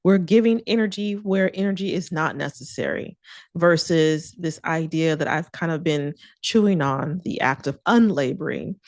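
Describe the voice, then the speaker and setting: A woman's voice: low-pitched, normal speed, dry recording, clean studio sound. A young adult woman telling a personal story to her viewers in a casual, chatty way. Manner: conversational, chatty, with fillers and asides. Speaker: self-care vlogger.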